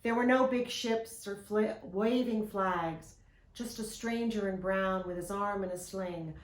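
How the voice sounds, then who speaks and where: A woman gently and expressively reading a children's picture book aloud, with a roomy echo. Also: medium pitch, unhurried.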